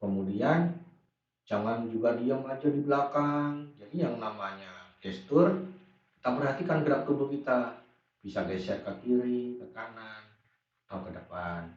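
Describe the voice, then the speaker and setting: A man's voice: mid-range voice, unhurried. A man teaching a recorded school lesson, patiently explaining steps and answering the questions he imagines his pupils will ask. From Indonesia. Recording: roomy, distant, dull lo-fi screen recording.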